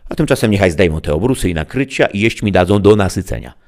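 A man voicing a blustering, hungry peasant-governor who grumbles indignantly and loudly. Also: low-pitched, expressive, quick pace. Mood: pompous. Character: blustering hungry peasant-governor Sancho, male, middle-aged.

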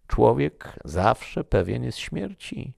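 A man voicing a grave, fatalistic soldier, speaking in a slow, solemn, measured way. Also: medium pitch, sing-song, gravelly, darkish tone, no echo, clean studio sound, pitched above the performer's own voice, full character voice. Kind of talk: audiobook character reading.

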